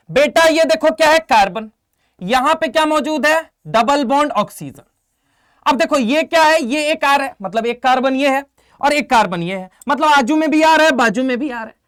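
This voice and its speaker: A man with a very high voice teaches chemistry in an online exam-prep class, firing questions at his students and coaxing them to answer in energetic call-and-response, calling them "beta" and "bhai". The clean studio sound has no room sound.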